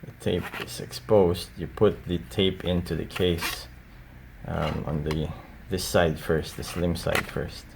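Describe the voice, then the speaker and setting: In a very deep voice heavy with vocal fry, a man slowly presents his cassette tape collection, sounding halting and unscripted. It's a casual show-and-tell, and a faint, steady noise hums behind him.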